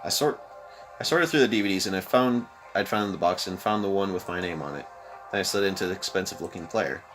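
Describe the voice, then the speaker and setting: A young man hosting a let's play, reading a visual novel aloud with expressive commentary. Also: low-pitched, fast, faint music behind.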